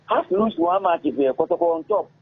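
A middle-aged former footballer from Ghana is an interview guest at a radio studio, talking casually into an arm-mounted studio mic. His gravelly, raspy voice is a little high and expressive, ranging widely in pitch, and his speech is halting and repetitive, jumping between languages mid-sentence. Audio sounds muffled, thin and boxy, like a phone call.

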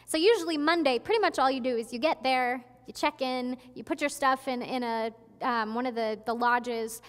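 Young female pastor, high voice, chatty earnest sermon, headset mic in a reverberant sanctuary. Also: moderate pace. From Florida. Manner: chatty and earnest, with frequent restarts and asides. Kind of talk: conversational sermon. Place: large church sanctuary, at a pulpit.

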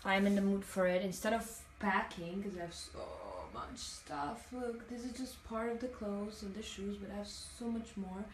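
A young woman from Italian-speaking Switzerland, Italian being her first language, livestreams while sitting on a hotel bathroom floor, chatting casually and reading comments aloud with plenty of fillers. Her medium-pitched voice is animated, moderately paced and has few pauses, with a little hiss or hum. She holds her phone at arm's length toward a mirror, so the distant mic picks up the echo of the tiled room.

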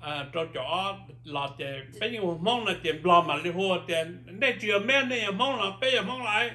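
A man's voice: high-pitched, very slow, bright, forceful tone. A man interviewing an elder in casual conversation, giving short prompts and brief agreements.

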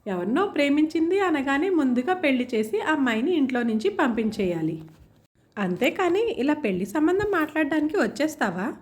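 Shrill, scornful village aunt with a swooping voice, read by a woman narrator. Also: sing-song, moderate pace. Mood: angry shouting. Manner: taunting, shouting scornfully. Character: sarcastic, loud-mouthed middle-aged village aunt.

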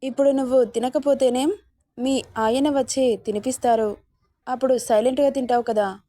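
A woman's voice: high voice, steady tone, moderate pace, warm tone, no room sound. A woman voicing a young woman friend who teases and scolds her friend into eating. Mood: teasing. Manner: bossy, teasing.

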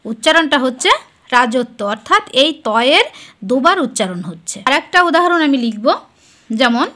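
A woman's voice: high voice, expressive, normal speed, bright, forceful tone. A woman teaching a spelling lesson, explaining step by step and asking then answering her own questions.

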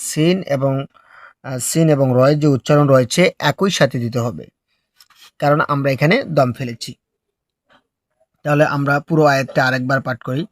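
A man's voice: medium pitch, no room sound. Patient male recitation teacher, dry close sound. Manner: slow patient explaining, then drawn-out melodic recitation. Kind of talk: step-by-step recitation lesson.

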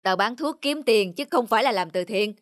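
A woman voicing a stingy, gruff male medicine seller in a cartoon, talking harshly and dismissively. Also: a little high, animated, a little fast, heavy background noise, lightly acted. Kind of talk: cartoon voice acting. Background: music.

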